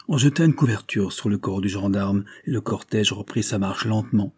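A man narrating a classic novel as an audiobook in a steady, solemn storytelling manner. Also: lowish voice, moderate pace, slightly rough, dry recording, clean studio sound. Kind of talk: scripted literary narration.

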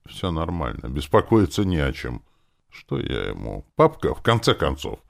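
Deep gravelly guy reading an audiobook, wry and sardonic, lively up and down. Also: normal speed. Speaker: audiobook narrator. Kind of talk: first-person audiobook narration.

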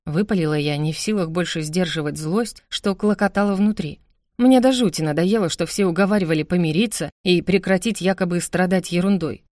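A woman's voice: lowish voice, a little fast, darkish tone, no echo, studio quality. Woman narrating a first-person audiobook.

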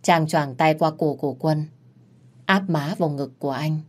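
A woman telling a dramatic story in a steady, scripted narration. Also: deep voice, normal speed.

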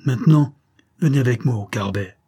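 Man reading as a fierce old priest, grave and somber, mellow husky voice, audiobook. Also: mid-range voice, moderate pace, close to an everyday voice. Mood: grim.

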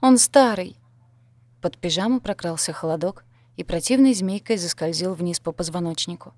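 Female audiobook narrator, lowish voice, dry close recording, measured and wry. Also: a little mellow, no echo. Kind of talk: first-person audiobook narration.

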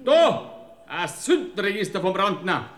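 High-pitched, stern Bavarian archangel. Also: male voice, very animated, unhurried, fairly bright tone, exaggerated voice. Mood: scolding. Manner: commanding, scolding. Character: stern, bossy male archangel, strict about order. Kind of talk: German dialect radio play. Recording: echoey, music behind.

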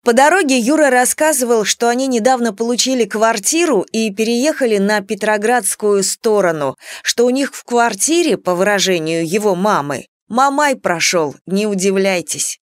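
A woman's voice: on the high side, lively intonation, moderate pace, hardly any pauses, no room sound, studio quality. A woman reading an audiobook, expressively, lifting her voice for the characters' lines. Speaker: audiobook narrator. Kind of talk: scripted audiobook narration.

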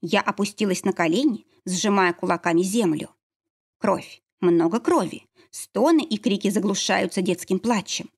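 A woman's voice: mid-range voice, normal speed, breathy edge. A woman reading a first-person novel aloud, dramatic and tense. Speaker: audiobook narrator.

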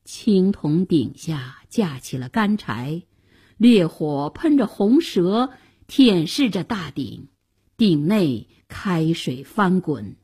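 A woman reading a children's story for radio, in a slow, expressive and lively storytelling manner. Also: lowish voice, slightly rough. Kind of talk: scripted story narration for radio.

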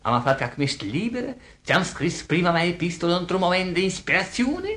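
A pompous, lovesick young suitor, all bombast and flowery words he trips over. His bright, forceful voice swoops wildly up and down. It is a table reading of a stage comedy. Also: sits high, big pitch swings. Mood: lofty.

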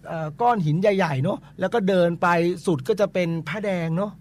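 A male radio host with a fairly high voice chats with a caller about ghost stories. He talks in an animated, rambling way, repeating words and filling pauses as he goes. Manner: chatty, animated, many repetitions and fillers. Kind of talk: casual call-in chat.

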